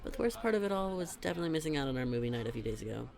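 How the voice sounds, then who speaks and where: A young man acts as a teasing, chatty best friend in a conversational audio roleplay monologue, venting in exasperation with casual, emphatic phrasing. His voice is on the high side and a little mellow, with vocal fry, and he talks very fast and very animatedly.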